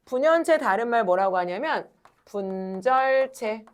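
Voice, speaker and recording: In a classroom lecture, a woman with a slightly high voice speaks animatedly and directly to her students. She poses questions and answers them herself, drawing words out slowly when demonstrating.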